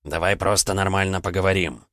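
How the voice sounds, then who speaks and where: A man voicing a gruff, weary adventurer. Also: sits low, steady tone, a little fast, fairly bright tone, no room sound, studio quality. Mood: alarmed.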